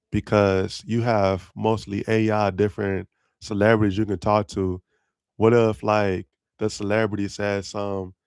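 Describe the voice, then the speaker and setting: A young man talks through his solo podcast in loose, rambling slang and keeps breaking into laughter at his own lines. His voice sits on the low side with a gravelly, crackling edge. The sound is dry and close, with almost no room around it. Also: a little mellow, dry recording. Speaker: podcast host. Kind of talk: casual solo podcast chat.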